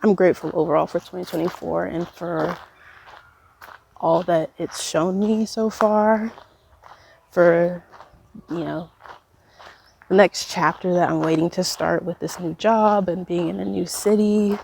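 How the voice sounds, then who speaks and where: A young woman in her twenties reflects in a pensive, casual way, as if thinking aloud to a vlog audience. Her voice sits slightly low and often dips into gravelly fry. A light layer of background noise runs under the recording. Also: fairly even intonation, darkish tone. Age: 20s. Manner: pensive, unhurried musing with trailing thoughts. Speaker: vlogger. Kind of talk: casual reflective solo monologue. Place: walking while recording, as a walk-along vlog.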